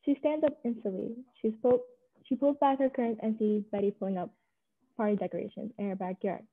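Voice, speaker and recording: A woman reading stage directions aloud in a plain, even way. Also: mid-range voice, fairly quick, narrow, tinny audio.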